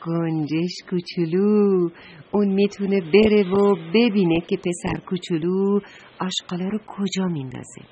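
A woman voicing a curious, kindly talking red brick in a children's story, speaking softly and questioningly. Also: on the low side, fairly even intonation, dull audio, a little hiss or hum, natural voice. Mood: pleased. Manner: soft, surprised, questioning.

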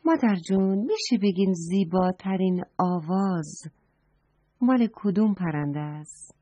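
A woman's voice: lowish voice, expressive, mellow, no echo. A woman voicing a curious young boy who politely asks around about a birdsong, on a dull lo-fi recording. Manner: eager, polite questioning.

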